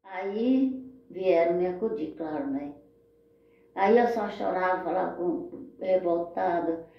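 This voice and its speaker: A woman's voice: on the low side, slow pace, creaky. Woman telling her story in an echoey room. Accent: Brazilian Portuguese. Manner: heartfelt, repetitive, often turning to listeners with "gente" and "né". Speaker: storyteller sharing her life. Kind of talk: personal storytelling. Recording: very echoey, dull lo-fi sound.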